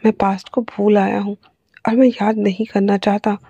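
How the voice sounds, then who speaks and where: A woman gives voice to a weary, guarded young man in a story reading. His lines come out plain and subdued, in a husky, darkish voice. The recording is close and dry. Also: medium pitch, level tone, normal speed, warm tone, no room sound, muffled recording.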